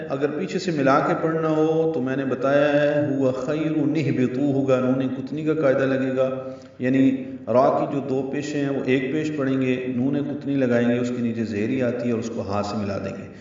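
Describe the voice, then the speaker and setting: A man's voice: medium pitch, fairly even intonation, darkish tone. A man teaching the rules of Quran recitation step by step and chanting short examples between his explanations. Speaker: tajweed teacher. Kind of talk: tajweed lesson. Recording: echoey, distant, muffled recording.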